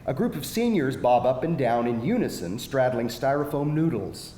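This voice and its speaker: At a live table read, a man reads a screenplay's stage directions as scripted narration. His voice is mellow, with lively intonation and a moderate pace. The room is echoey, and a faint rumbling noise sits in the background.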